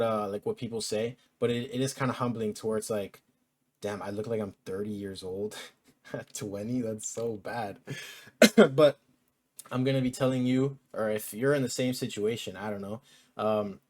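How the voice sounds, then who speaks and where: A vlogger in his twenties chats casually, his speech sprinkled with fillers like "like" and "um." His voice is mid-range and a little mellow.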